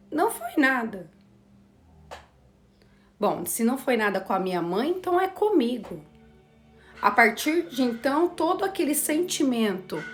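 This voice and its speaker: A woman, teaching a class in a slow, reflective way and putting questions to her listeners. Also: fairly high pitch. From Brazil. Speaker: teacher of a course on systemic motherhood. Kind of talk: spoken lecture to a class.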